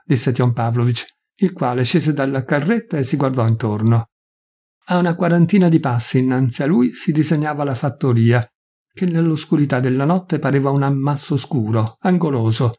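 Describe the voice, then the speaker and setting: A man reading a long story aloud as narrator, measured and expressive. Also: on the high side. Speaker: reader. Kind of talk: audiobook narration.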